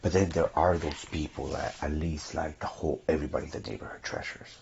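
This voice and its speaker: A man's voice: a bass voice, steady tone, quick pace, vocal fry, darkish tone, highs cut off, a little hiss or hum. A man giving casual, joking gameplay commentary, swearing freely. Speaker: let's play commentator.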